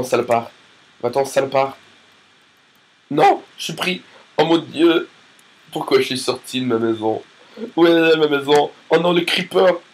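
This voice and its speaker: A man's voice: medium pitch, slightly rough, low-quality recording. A man reacting frantically while playing a game, yelping and pleading. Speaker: gamer. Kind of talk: live panicked gameplay reactions.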